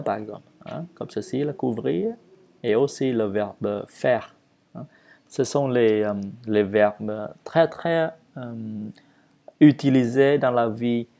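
Guy teaching real slow, lots of um, mellow dark voice. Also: mid-range voice. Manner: hesitant, many fillers, stretches conjugation drills slowly. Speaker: French teacher. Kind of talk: relaxed spoken language lesson.

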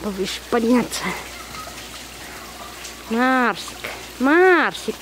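Speaking extremely slowly in a fairly high, sing-song voice, a zoo visitor coos baby talk at the bears she is feeding, repeating words and using pet diminutives. She records it outdoors by the bear enclosures on a handheld camera, and background noise can be heard.

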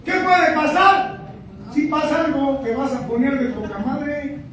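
A man's voice: extremely high pitch, fairly even intonation, measured pace, very echoey. Mexican male sponsor, crude and scolding to a rehab group, captured from far off in a noisy room. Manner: profane, scolding, half-shouting. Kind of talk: confrontational testimony to a group.

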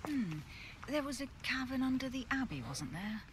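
An actress playing a composed aristocratic duchess in a game, measured and refined. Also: female voice, high-pitched, big pitch swings. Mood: conversational. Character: poised aristocratic woman, a duchess, probing and composed. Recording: noisy game audio.

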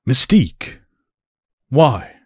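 A man's voice: medium pitch, big pitch swings, drawn-out words, husky, no room sound, full character voice. A grave, principled professor of superheroes, acted by a man in an audio drama. He speaks formally and with measure, in a middling register, recorded close and dry. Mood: grave, measured. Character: measured, principled male professor leading mutant heroes.

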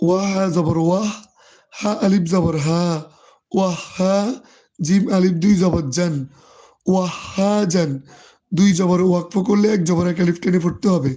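A hoarse Quran teacher who drills the reading syllable by syllable and explains tajweed rules. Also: medium pitch, fairly even intonation, moderate pace, warm tone. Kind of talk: slow Quran reading lesson, spelling out letters and vowels.

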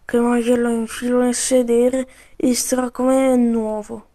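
A woman improvising playful, slangy role-play commentary over a video game, with sudden yells. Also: fairly high pitch, flat delivery, measured pace.

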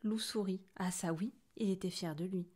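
A woman's voice: mid-range voice, steady tone, normal speed, a little mellow. A woman reading a children's picture book aloud, narrating expressively and doing the voices. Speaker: storybook reader.

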